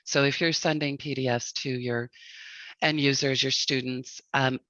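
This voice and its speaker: A man's voice: mid-range voice, fairly even intonation, unhurried, sharp tone, no room sound. A man presenting an instructional webinar, giving direct, practical advice. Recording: dull lo-fi dry audio.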